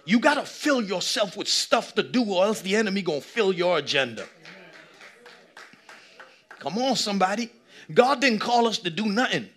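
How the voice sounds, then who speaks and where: A man in his thirties preaching a lively sermon on a church stage, swinging from shouts to low asides and acting out little scenes. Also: moderate pace, long pauses. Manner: animated preaching, shifting between loud shouts and low asides. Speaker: pastor. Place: church stage with a seated audience.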